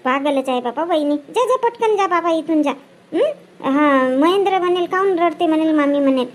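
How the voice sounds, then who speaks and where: Brief: a woman playing a bossy village wedding guest, shrill high voice, clipped nagging questions. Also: animated. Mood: fussing. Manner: brisk, bossy, full of questioning "hm?" tags. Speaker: wedding guest in a comedy skit. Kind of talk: village comedy skit acting.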